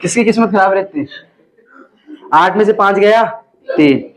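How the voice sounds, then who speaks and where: A man's voice: high-pitched, moderate pace. A young man teaching a maths class and joking with his students. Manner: teasing and chatty with students. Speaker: maths tutor. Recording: dull lo-fi classroom audio.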